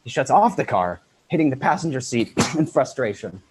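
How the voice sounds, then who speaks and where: A man reading stage directions in a brisk, matter-of-fact way at an unrehearsed script read-through. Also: mid-range voice, very animated, noisy background.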